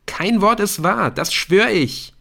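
A man's voice: fairly high pitch, a little slow, fairly bright tone, pitched above the performer's own voice. A man voicing a pale, desperate teenage boy who insists he is innocent. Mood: desperate denial. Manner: insistent, defensive. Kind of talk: audiobook character voice.

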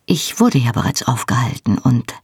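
A woman voicing a quick-witted, defiant young woman under questioning in an audiobook. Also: a bass voice, big pitch swings, a little mellow, breathy edge, no room sound, clean studio sound, voice pushed down, heavily acted. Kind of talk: audiobook reading.

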